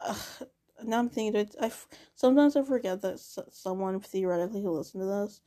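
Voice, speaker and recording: A woman's voice: medium pitch, brisk, mellow. A young woman talking to herself in a casual, rambling diary monologue, full of filler words and swearing. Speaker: vlogger.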